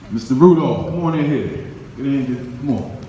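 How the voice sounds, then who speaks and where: A man with a mellow, dark voice gives an earnest, conversational talk to a crowd. He is heard from far off in a roomy hall with a long echo and faint ambience behind him. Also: mid-range voice, lively intonation, moderate pace. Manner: earnest, conversational, repeats words. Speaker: event speaker. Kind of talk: motivational speech to a live crowd. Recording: echoey hall, recorded from far off.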